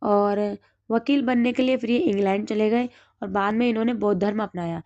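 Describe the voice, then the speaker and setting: Female tutor, hoarse, medium pitch, self-quizzing note review, dry dull recording. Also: fairly quick, darkish tone, no echo. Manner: asks and answers her own quiz questions. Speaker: exam prep teacher. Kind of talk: reading through study notes.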